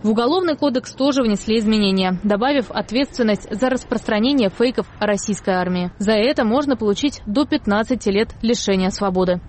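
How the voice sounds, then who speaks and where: A woman narrates a news feature in a calm, measured voice-over. Her pitch sits in the middle of the range and the read stays even and scripted from line to line. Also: a little hiss or hum. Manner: even, measured report reading.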